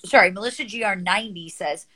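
A woman co-hosting a casual Instagram live chat over a video call, teasing and quick with banter. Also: medium pitch, sharp tone, husky, low-quality recording. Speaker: podcast co-host.

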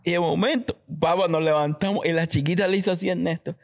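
A man co-hosts a podcast with a slightly high voice and tells his stories with energy. He acts out the other people's lines as he goes. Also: fast talker, gravelly. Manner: lively storytelling, quoting people. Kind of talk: casual chat.

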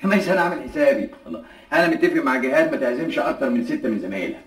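A middle-aged man with an Egyptian accent playing a fussy, pedantic family father who lectures in a rapid, lively flow. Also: medium pitch, natural voice.

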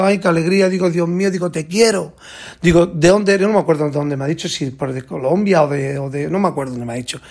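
A man from telling a rambling, excited story, constantly repeating "I said" and "he said". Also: on the high side, creaky, husky. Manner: rambling, repeats "digo" and "dice"; excited and exclaiming. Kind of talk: casual spoken rant.

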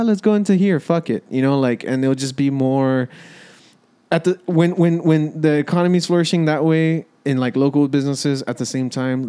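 A man's voice: medium pitch, dark tone, clean tone. An American man chatting casually in a group, rambling along in slang and swearing often.

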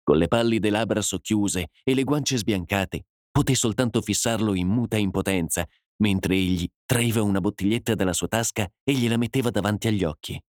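Guy reading a dramatic story aloud, lowish voice, dry close sound, measured pace. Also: a little mellow, dry recording. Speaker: audiobook narrator. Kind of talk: scripted story narration.

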